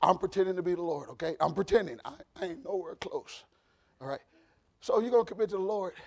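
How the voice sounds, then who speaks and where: A man preaching a sermon in church, animated and joking, shouting out to the congregation. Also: sits high, fast, creaky. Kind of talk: lively sermon.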